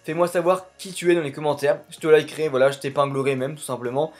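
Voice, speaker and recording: This YouTuber, a young man from France, talks fast in a fairly high voice with fairly even intonation as he improvises casual commentary while investigating game clans. His speech rambles, and "tout simplement" comes up again and again.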